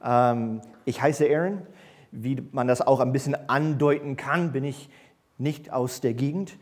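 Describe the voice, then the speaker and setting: A church elder in his thirties, born in the USA and raised in East Berlin, gives a sermon that opens with a personal introduction during a church service. His medium-pitched voice is a little slow, and he speaks hesitantly, with many fillers and restarts.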